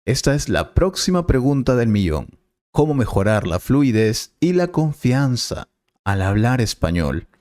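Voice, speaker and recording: A man as a Spanish teacher, explaining clearly and patiently in a scripted lesson dialogue. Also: medium pitch, very animated, measured pace, a little mellow, dry recording, studio quality.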